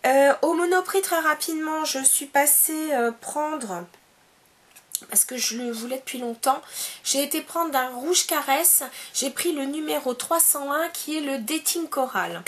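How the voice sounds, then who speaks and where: A woman's voice: high voice, unhurried. A woman from France chatting casually in a beauty haul video at home, with many hesitations. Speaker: beauty vlogger.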